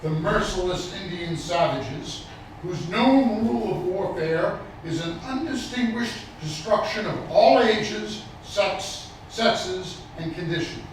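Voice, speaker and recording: A man giving a formal public recitation of a historical declaration in a lofty, stately manner with deliberate pauses. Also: high-pitched, lively intonation. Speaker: public reader at a commemorative event. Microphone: distant microphone. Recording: distant, very echoey, some background noise.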